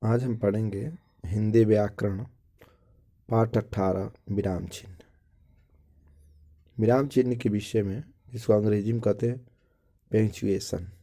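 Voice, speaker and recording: A man's voice: fairly low pitch, steady tone, measured pace, long pauses, dark tone. A man teaching a school grammar lesson to children, explaining step by step, repeating phrases and checking in with the class.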